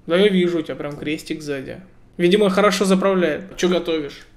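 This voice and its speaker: A young man in his twenties, teasing and playful, laughing between questions. His voice is gravelly with a lot of fry. He talks into a webcam from a small room. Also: on the high side, a little fast. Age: 20s. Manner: joking, teasing, laughs often. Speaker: guitarist chatting with strangers. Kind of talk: casual video chat. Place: indoor room, seated in a chair. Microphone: webcam video call.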